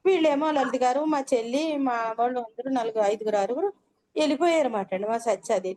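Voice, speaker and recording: Older woman with a high voice recounting her experience. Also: fast, warm tone. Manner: earnest storytelling, frequent polite "andi" endings. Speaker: meditation practitioner sharing her experience. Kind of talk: personal testimony.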